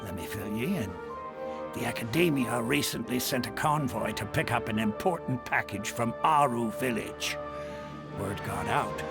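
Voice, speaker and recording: A man voices an easygoing, seasoned mercenary chief in a video game, sounding gravelly and measured, as though confiding. His pitch is medium.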